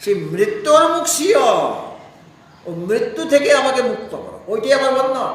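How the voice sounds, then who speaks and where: High-voiced man teaching scripture, very echoey. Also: expressive. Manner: explains slowly, asks listeners rhetorical questions. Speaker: Vedanta teacher. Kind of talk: scripture class discourse. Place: spiritual society hall. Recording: heavy echo in a hall.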